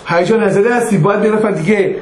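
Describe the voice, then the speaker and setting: A man's voice: high-pitched, a little mellow. An older man, a rabbi, giving an informal religious lesson in a conversational way, telling stories and acting out their dialogue. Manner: conversational, anecdotal, acts out quoted dialogue. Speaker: rabbi teaching a class. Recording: echoey room with faint noise.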